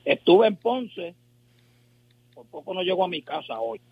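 A man with a Puerto Rican accent calling in by telephone as a sports analyst, chatting casually and filling pauses with little tag words. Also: sits high, sing-song, slightly rough, dry recording. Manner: chatty, fills pauses with "este" and "¿verdad?". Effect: heard over a telephone line. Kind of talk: casual radio sports chat. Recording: tinny dry phone line.

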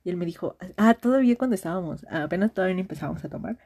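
A woman's voice: lowish voice, animated, racing, noisy background. A young woman with a Mexican accent, telling a friend a long personal story in a casual, slangy, rambling voice message. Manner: rambling, slangy, frequent restarts and fillers.

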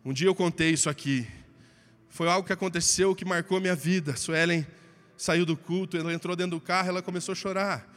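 Impassioned Brazilian preacher, bright voice. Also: male voice, high voice, fairly even intonation, a little fast, big-room sound. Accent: Brazilian Portuguese. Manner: impassioned, swinging from loud to hushed. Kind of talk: sermon.

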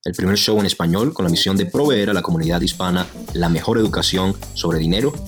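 A man's voice: deep voice, fast, breathy edge, faint music behind. A man hosting a podcast, reading a formal introduction of his guest and asking questions. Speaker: podcast host. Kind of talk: scripted introduction and interview questions.

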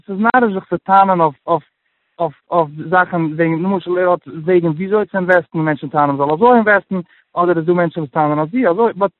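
A man talking casually as an interview guest, halting with many restarts and dropping in English phrases. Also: high voice, dry recording. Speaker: guest sharing his personal budgeting story. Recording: tinny phone line.

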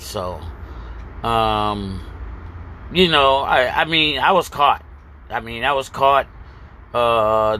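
A man's voice: medium pitch, pushed and bright, slight background noise. An older man telling his own story in a blunt, profane street manner, with many restarts. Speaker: storyteller recounting his past. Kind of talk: casual spoken memoir.

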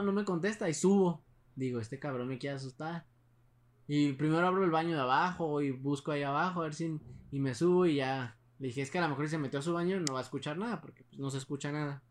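A young man with a Mexican Spanish accent, casually telling a ghost story in a rambling, slangy way with many restarts. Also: on the high side.

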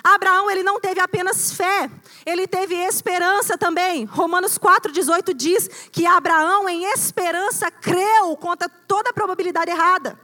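A woman pastor preaches a lively sermon, speaking from Brazil. Her voice sits very high and rings bright and sharp, and she calls her listeners brother as she drives each point home. The service is held in a cinema. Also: normal speed. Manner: animated preaching, addressing the congregation as "irmão".

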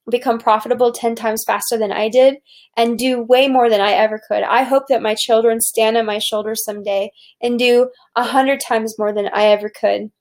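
Gravelly earnest woman giving a pep talk. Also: fairly high pitch. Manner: earnest, preachy, frequent restarts. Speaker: soap business owner. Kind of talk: motivational talk.

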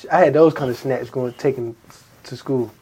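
Husky young man telling stories casually. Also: medium pitch, moderate pace. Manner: animated storytelling, acting out past conversations. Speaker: podcast host. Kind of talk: casual chat.

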